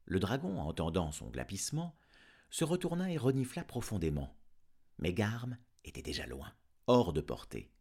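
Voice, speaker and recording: A man narrating a storybook aloud in an expressive, dramatic reading. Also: fairly low pitch, moderate pace, vocal fry, husky. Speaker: audiobook reader.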